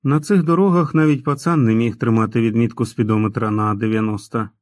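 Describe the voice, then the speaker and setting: A man's voice: mid-range voice, fairly even intonation, fairly quick, no echo, studio quality. A man reading an audiobook in a dramatic, storytelling manner. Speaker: audiobook narrator. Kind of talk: scripted narration.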